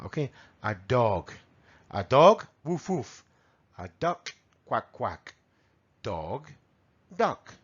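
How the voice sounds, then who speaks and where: A man with a Spanish accent from Spain teaching English vocabulary to children, repeating words slowly and mimicking animal sounds. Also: medium pitch, highs cut off. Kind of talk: bilingual vocabulary lesson.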